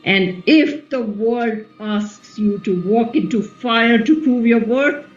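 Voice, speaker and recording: A woman playing Sita as a gentle, wise ancient Indian queen, measured and reflective in a play reading. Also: on the high side. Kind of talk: dramatic play reading, radio play. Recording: muffled recording with music behind.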